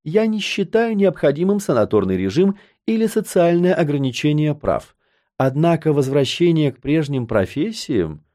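A man's voice: on the high side, sing-song, moderate pace, dark tone. A man reading an audiobook, voicing an older woman doctor who speaks dryly and matter-of-factly. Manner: dry, matter-of-fact.

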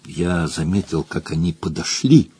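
Old guy whispering secrets, man reading, low soft husky voice. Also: moderate pace. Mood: hushed. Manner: hushed, secretive. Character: cautious old man informant. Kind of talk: audiobook character voice.

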